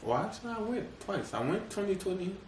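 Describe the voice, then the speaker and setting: A man's voice: high voice, sing-song, a little fast. Laid-back man in an echoey room. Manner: laid-back slang, many fillers, laughs often. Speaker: podcast guest. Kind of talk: casual chat. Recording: echoey room, mic at a distance, faint noise.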